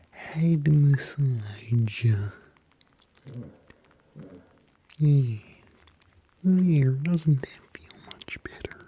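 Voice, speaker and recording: A man voicing an earnest, eccentric frog puppet in soft-spoken ASMR storytelling, with theatrical, halting pauses. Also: fairly high pitch, creaky, slightly rough, dull audio, full character voice. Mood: soothing, creepy. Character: Kermit-like male frog puppet, eccentric, earnest Bigfoot believer. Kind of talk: whispery ASMR storytelling and roleplay.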